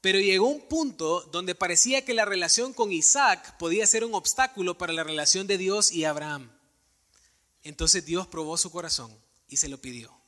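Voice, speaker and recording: A male preacher delivers an earnest sermon, putting searching questions straight to his congregation. His voice sits a touch high and rings bright and sharp. The sound carries a long reverb, as from a big church sanctuary. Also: lively intonation, normal speed.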